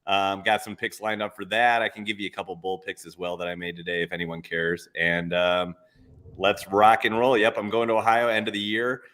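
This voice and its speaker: This fairly low, level, slightly bright male voice moves a little fast as he co-hosts a casual sports betting show. Upbeat and enthusiastic, he eagerly runs through his picks.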